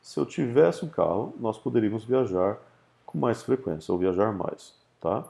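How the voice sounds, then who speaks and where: A Brazilian man teaching English grammar in a low, gravelly voice with a dark, mellow tone. He explains in Portuguese, then reads the English example sentences slowly and clearly, ending each point with a quick "tá?". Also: lively intonation. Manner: ends points with a checking "tá?". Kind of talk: recorded grammar lesson.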